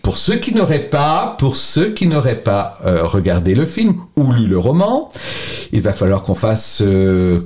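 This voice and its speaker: A man co-hosting a casual podcast, chatty and friendly, often pausing with fillers. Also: on the low side, wildly swooping pitch, darkish tone. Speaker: podcast co-host.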